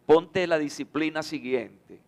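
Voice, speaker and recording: A man's voice: on the high side, vocal fry, a little mellow. A male pastor giving a Sunday sermon, calling on the congregation to respond. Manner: slow, deliberate preaching with call-and-response to the congregation. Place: church sanctuary.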